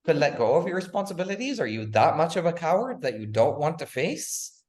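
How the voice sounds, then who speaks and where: A man's voice: fairly high pitch, sing-song, fairly quick, a little mellow. A man speaking as a guest author in an interview, talking with passion and rhetorical force, leaning on repeated "again" and "right?" as he presses his points. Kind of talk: impassioned interview talk.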